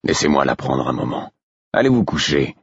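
A man reading aloud and voicing a gruff but kindly working man who speaks in a gentle, plain-spoken way. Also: extremely low pitch, very animated, normal speed, no echo, muffled recording, full character voice. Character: gruff, kindly man with big tanned hands. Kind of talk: audiobook reading.

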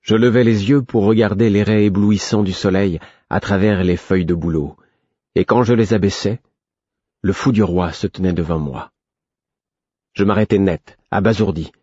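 A man narrating a story in the first person, with measured, literary scripted storytelling. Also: fairly low pitch, mellow, breathy edge, no echo, lo-fi sound.

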